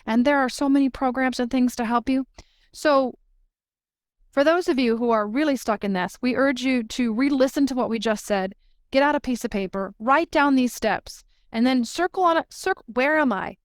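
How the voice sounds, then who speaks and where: A woman's voice: high voice, moderate pace, dry recording, clean studio sound. A woman channeling a spirit collective, giving emphatic spiritual guidance with frequent "right?" check-ins. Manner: emphatic, peppered with "right?" tags.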